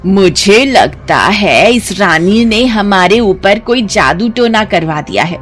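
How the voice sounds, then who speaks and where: A woman's voice: medium pitch, a little slow, soft background music, close to an everyday voice. A woman voicing a harsh scolding mother-in-law. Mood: accusing. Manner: scolding, commanding. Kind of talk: animated storybook voice acting.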